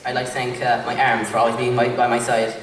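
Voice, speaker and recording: A young Irish man doing live stand-up, chatty and rambling with filler pauses, recorded far from the mic in an echoey club. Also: medium pitch, monotone. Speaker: stand-up comedian. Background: crowd laughter and room noise.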